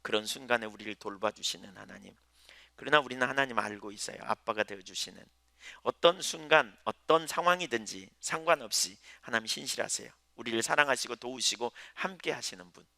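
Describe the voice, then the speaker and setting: A man's voice: medium pitch, a little fast, gravelly, sharp tone, no echo. A male pastor preaching a sermon in a conversational way, asking his listeners questions, letting his voice swell and then drop almost to a whisper.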